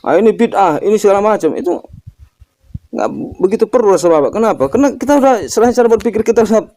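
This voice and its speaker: An older man talks through a spiritual lesson in a relaxed storytelling way, tagging his phrases as he goes. His pitch moves a lot, and the tone is mellow and dark. The sound is dry and close. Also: fast talker, dry recording. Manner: storytelling, ends phrases with "kan gitu". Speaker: religious teacher answering a question. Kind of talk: casual spiritual talk.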